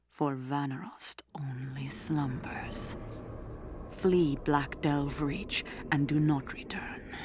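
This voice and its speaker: Slow, solemn fantasy game rescuer. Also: female voice, deep voice, noisy background. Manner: solemn, urgent, breaking into hushed whispers. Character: grave, conspiratorial female rescuer in fantasy game. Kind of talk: dramatic video game acting.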